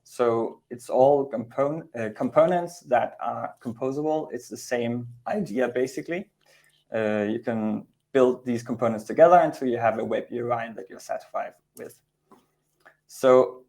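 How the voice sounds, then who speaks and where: A man's voice: medium pitch, vocal fry, a little mellow. A man in his thirties from Denmark giving an informal technical lightning talk in a conversational, slightly hesitant way over a video call. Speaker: conference speaker, Go developer. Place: indoor room, video call.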